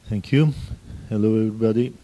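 A man introducing himself at a workshop in a measured, slightly halting way. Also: lowish voice, steady tone, mellow, dull audio, a little hiss or hum. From Georgia. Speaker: think tank representative.

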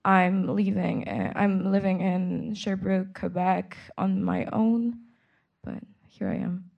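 A teenage high school student from Poland commenting politely and earnestly from the audience. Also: female voice, slow, gravelly. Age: teens. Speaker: audience member. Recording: dull lo-fi sound.

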